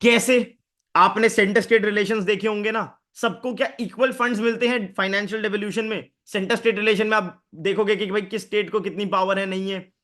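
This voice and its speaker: A young male teacher gives a live online lecture in a fairly high voice. He talks in a loose, conversational way, breaking up explanations with quick questions for his students. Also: steady tone, a bit bright. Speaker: exam prep teacher.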